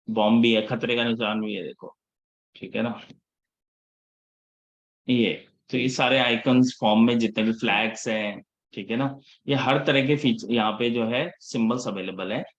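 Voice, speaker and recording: A man teaching a live class in a relaxed mix of Hindi and English, checking in with his students after almost every point. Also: on the low side. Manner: casual Hinglish teaching, checks in often with the class; scolds students about attendance. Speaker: instructor.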